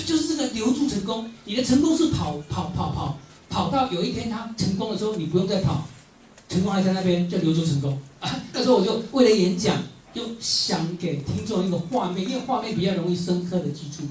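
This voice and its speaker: A middle-aged man with a Taiwanese Mandarin accent gives a motivational speech, telling stories in an animated way with frequent laughter and emphatic repetition. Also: high-pitched. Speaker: motivational speaker. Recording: echoey hall, distant mic, faint noise.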